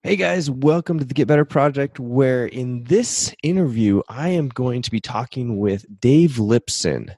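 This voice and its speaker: A man's voice: medium pitch, animated, measured pace, few pauses, darkish tone, breathy edge, no room sound. A man hosting a podcast interview, upbeat and friendly, often saying "man". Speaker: podcast host.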